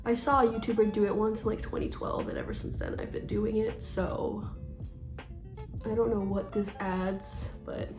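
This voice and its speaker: A woman's voice: mid-range voice, steady tone, moderate pace, a little mellow, soft background music. Chatty young woman vlogging in an echoey room. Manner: chatty, rambling, self-deprecating asides. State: slightly out of breath. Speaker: beauty vlogger. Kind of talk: casual makeup tutorial chat. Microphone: phone camera.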